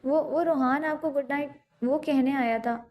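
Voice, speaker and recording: Woman narrator doing a timid young bride-to-be, high, soft and pleading. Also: fairly even intonation, highs cut off, close to an everyday voice. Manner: pleading, tearful. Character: frightened stubborn young woman.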